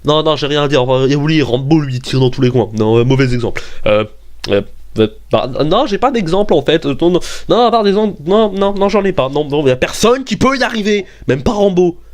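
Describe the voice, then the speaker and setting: Brief: young male vlogger, high voice, rants and swears, jumps into squeaky outbursts. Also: brisk. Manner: excitable, swearing, jumps into high-pitched outbursts and argues with himself. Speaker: YouTube weapons video host. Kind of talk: comedic rant vlog.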